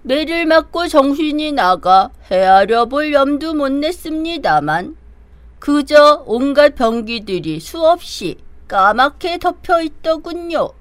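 A woman's voice: sits high, sing-song, takes it slowly, no echo, exaggerated voice. A woman playing a bold, cunning male monkey hero in an audio drama. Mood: aggrieved, feigning.

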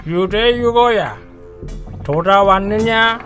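An actor playing a domineering demon king in an audio drama, speaking like a commanding dark lord. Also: sits high, slow, music in the background. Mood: imperious, demanding.

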